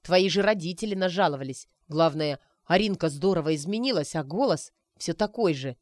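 A man's voice: fairly high pitch, lively intonation, brisk, no room sound, lightly acted. A woman voicing a cocky young man who teases a friend by pretending to be a wizard, in a playful, mock-mystical way. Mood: teasing.

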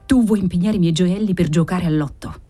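A woman's voice: on the low side, brisk, mellow, no echo, soft background music, lightly acted. A woman reading aloud, voicing a young wife who answers her husband curtly and harshly, with bitterness. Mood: scornful. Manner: curt and harsh, then exasperated.

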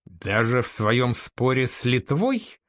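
A man's voice: medium pitch, lively intonation, normal speed, fairly bright tone, no room sound, studio quality, lightly acted. A man voicing an insinuating, probing male council advisor in an audiobook.

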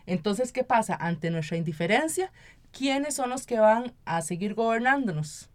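This guest has a fairly high, animated voice and speaks at a moderate pace with a Costa Rican accent. She is a local council member and activist being interviewed on conversational radio. She explains at length and keeps checking in with "¿verdad?" after her points.

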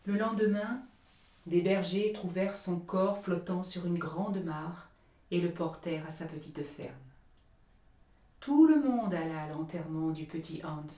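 A woman narrating a storybook in a measured, hushed way. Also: on the low side. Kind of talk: storybook reading. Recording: roomy echo.

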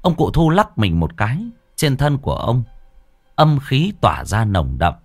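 A man narrating a scripted horror story with lively, dramatic delivery. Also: medium pitch, a little slow, no echo. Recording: dry close voice, faint music.

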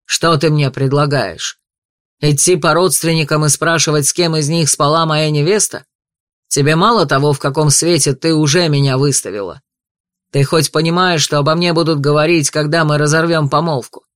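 A man's voice: on the high side, moderate pace, a bit bright, no room sound, studio quality, natural voice. A man voicing a young betrothed nobleman who speaks with restrained, bitter anger in an audiobook. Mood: angry. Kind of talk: audiobook dialogue reading.

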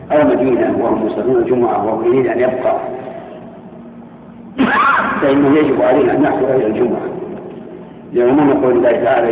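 A man teaching as a sheikh, answering questions with firm, reasoned rulings. His brisk voice rings through a long hall reverb and comes from a distance. The sound is thin and phone-like, with a faint hiss underneath. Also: mid-range voice. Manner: measured, authoritative rulings with reasoning. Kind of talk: religious Q&A lesson. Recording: echoey hall from far off, tinny lo-fi, faint hiss.

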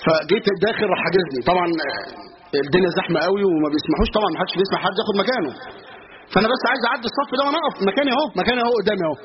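A man's voice: sits high, rapid-fire. A man with an Egyptian Arabic accent giving a colloquial religious lesson, telling stories and asking rhetorical questions. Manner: storytelling, lively, asides and rhetorical questions. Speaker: religious teacher. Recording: muffled recording with steady hiss.

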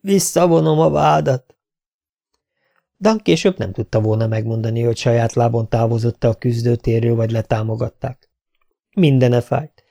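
A man narrating a fantasy story as an audiobook reader, measured and steady. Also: mid-range voice. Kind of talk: scripted narration.

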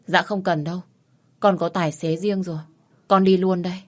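A woman voicing a young pregnant wife who is defiant and frightened, shouting and pleading near tears. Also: fairly low pitch, steady tone, normal speed, close to an everyday voice. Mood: cold, defiant.

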